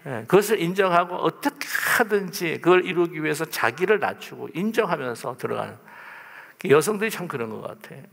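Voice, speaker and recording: A male pastor preaches from the pulpit in a lively, chatty way, turning to put questions to the congregation. His voice sits a little high and has a gravelly, fry-edged texture. The sound rings out with the long reverb of a church sanctuary. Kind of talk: sermon.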